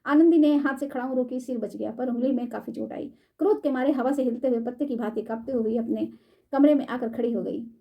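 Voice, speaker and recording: A woman storyteller reading a classic short story aloud in a measured, formal way. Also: on the high side, vocal fry, lo-fi sound.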